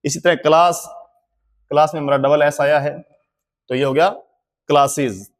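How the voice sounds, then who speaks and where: A male teacher giving a classroom-style language lesson, spelling words letter by letter and explaining slowly and deliberately. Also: on the high side, fairly even intonation.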